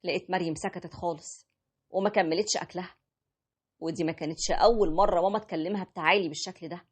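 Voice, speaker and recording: A devoted young husband tells his family story, voiced by a woman reader in quick, plain storybook narration. The voice is husky and hurried, never slowing down. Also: fairly low pitch, fairly even intonation. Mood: earnest. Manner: plain conversational retelling.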